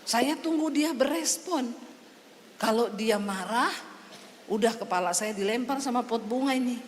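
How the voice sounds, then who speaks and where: A woman's voice: on the high side, moderate pace. A woman pastor preaching a sermon in a church, telling a story with humor and acting out the people she quotes. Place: church hall with congregation. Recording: long reverb, faint background noise.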